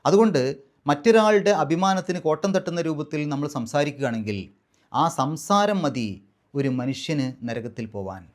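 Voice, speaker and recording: A man teaching Quran recitation rules in a patient, step-by-step way, slowly drawing out the recited words as examples. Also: fairly high pitch, expressive.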